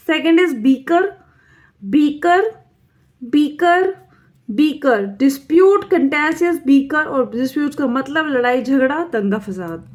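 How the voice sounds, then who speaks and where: Woman teacher with an Indian accent, high voice, repeats each word, drill-paced exam-prep lesson. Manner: slow, drilling repetition of words. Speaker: English vocabulary teacher.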